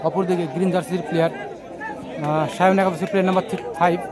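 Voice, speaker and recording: A man commentates on a live football match. He goes play by play and tends to say a phrase again and again. A loud crowd surrounds him at an open-air ground. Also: high-pitched, level tone, very fast. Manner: repeats phrases over and over. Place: outdoors at a local football ground. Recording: outdoor recording with loud crowd.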